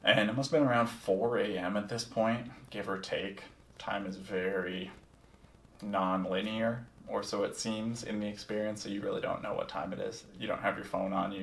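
A man's voice: lowish voice, vocal fry, fairly bright tone. A man telling a personal story in a casual, candid way. He is reflective, swears freely and uses plenty of ums. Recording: echoey room, distant from the mic.

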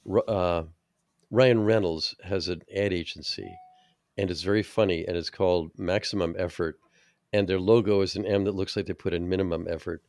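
A low-voiced man hosts a casual podcast, quick to laugh and crack a joke. His voice sits very deep, and the sound is dry and close, with no room around it. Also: fairly even intonation, darkish tone, no room sound. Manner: jokey, laughs easily. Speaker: podcast host. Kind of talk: casual chat.

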